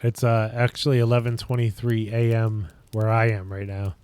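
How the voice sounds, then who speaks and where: Guy streaming from home, chatting w viewers, kinda rambles, smooth clear voice. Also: on the low side, level tone, moderate pace, a little mellow. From upstate New York. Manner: thinks aloud in loose rambling sentences. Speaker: livestream host. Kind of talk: casual chat with viewers.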